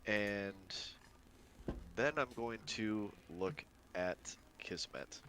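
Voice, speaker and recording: A man playing a tabletop role-playing game, stating his character's actions deliberately. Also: fairly low pitch, a bit bright, a little hiss or hum. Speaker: player. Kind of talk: tabletop role-play session.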